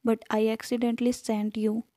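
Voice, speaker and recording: A woman's voice: a little high, little pitch movement, normal speed, dark tone, no echo, natural voice. A woman reading the lines of an apologetic young sister in a fan story, naming her before each line. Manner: reads the figure's name before each line. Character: young girl-in-law, apologetic sister who edited a photo.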